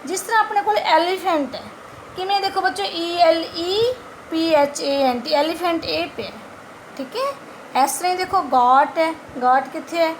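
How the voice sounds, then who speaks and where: A woman's voice: extremely high pitch, moderate pace, a little hiss or hum, rough recording. A woman teaching young children, spelling words letter by letter in a patient, repetitive way. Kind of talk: classroom vocabulary lesson.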